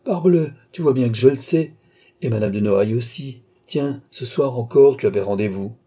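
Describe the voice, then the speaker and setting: A man reading aloud plays a worldly old duke who teases and quietly threatens. The voice is very dark and mellow with a husky grain, in an audiobook telling. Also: mid-range voice, moderate pace, lightly acted. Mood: sly, teasing. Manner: mocking, knowing, lightly threatening. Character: old duke and marshal, sly, teasing, worldly.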